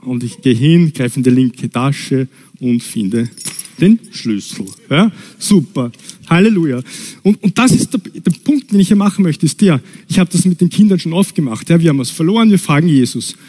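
Animated man preaching. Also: husky. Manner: lively storytelling, pitch jumps up when stressing points. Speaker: pastor. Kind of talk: sermon with personal stories.

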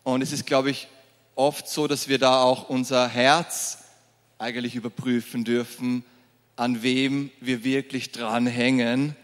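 A man preaching a sermon in a church hall, lively, often laughing and acting out the scenes. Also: mid-range voice, a little slow. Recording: reverberant hall.

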